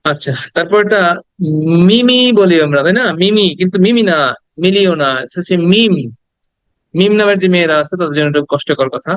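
A man's voice: high-pitched, fast, clear, resonant tone, dry recording, highs cut off. Bangladeshi man drilling pronunciation, dry sound. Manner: drills words by repeating them, coaxing listeners to repeat. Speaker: English pronunciation teacher. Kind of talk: pronunciation lesson.

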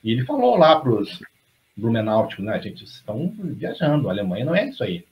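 Heard through a webcam with slightly dull lo-fi sound and slight background noise, a middle-aged Brazilian novelist talks fast and very animatedly at a medium pitch. As a guest in a casual video-call chat, he rambles, restarting often and using plenty of tag questions.

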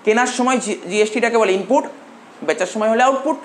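Male tutor dictating notes in a roomy classroom. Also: very high-pitched. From India. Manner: dictates slowly and repeats phrases, quizzing students. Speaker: commerce tutor. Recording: roomy classroom echo, faint hum.

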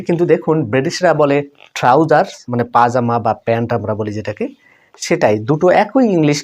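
A man's voice: mid-range voice, darkish tone. A man teaching English vocabulary to viewers in a chatty way, repeating each word and asking the audience questions.

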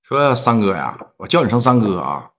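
A man doing a tough, smooth-talking gang leader. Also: on the low side, big pitch swings, moderate pace, a bit bright, pitched below the performer's own voice. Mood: firm. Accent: Northeastern Chinese. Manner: firm, persuasive.

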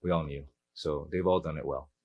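A man in his forties, a football coach speaking at a post-match press conference into a table mic, measured and reflective with many fillers. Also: a bass voice, fairly even intonation, a little mellow, highs cut off. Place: press room.

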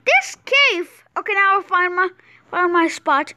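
A woman hosting an excited gameplay commentary, exclaiming often and restarting her sentences as she explores. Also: very high-pitched, moderate pace. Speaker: gameplay channel host.

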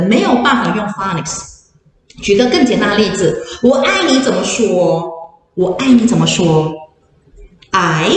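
Brief: female English teacher, animated presenter quizzing the room, off-mic in a boomy classroom. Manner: switches between Mandarin and English, quizzes the audience. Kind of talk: info session talk to parents and children. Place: classroom with an audience. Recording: echoey room, distant mic.

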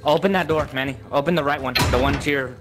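A man's voice: on the high side, fast, over music. A man talking casually with his squad as a teammate in a shooter game. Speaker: gaming teammate. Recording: clear game noise behind voice.

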